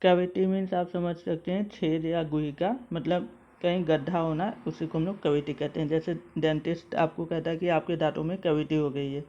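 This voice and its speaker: A man's voice: on the high side, steady tone, moderate pace, mellow. A male school English teacher explaining a textbook lesson word by word, methodical and repetitive. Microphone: mobile phone. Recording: dull lo-fi phone recording.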